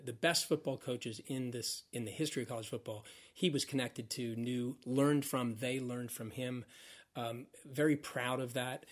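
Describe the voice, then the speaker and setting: A middle-aged man, a former mascot performer, chatting as a podcast guest, telling animated stories with frequent laughs and restarts. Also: medium pitch, breathy edge. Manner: animated storyteller, laughs often, restarts words. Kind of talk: casual interview chat.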